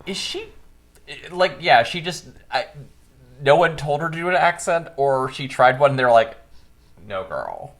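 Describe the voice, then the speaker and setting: A man co-hosting a casual podcast chat, telling stories in an animated way and laughing often. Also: a little high, moderate pace. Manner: animated, chatty storyteller who laughs often. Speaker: podcast co-host.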